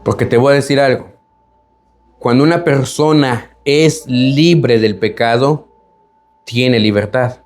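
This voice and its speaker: A man's voice: medium pitch, a little slow, darkish tone. A man preaching a sermon in an emphatic way, putting rhetorical questions to his listeners and repeating words for emphasis.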